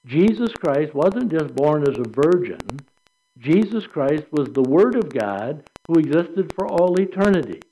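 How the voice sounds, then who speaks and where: A man's voice: fairly high pitch, very animated, a little slow, dark tone, a little hiss or hum, poor audio. An older man preaching a sermon in a conversational way, asking rhetorical questions. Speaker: pastor.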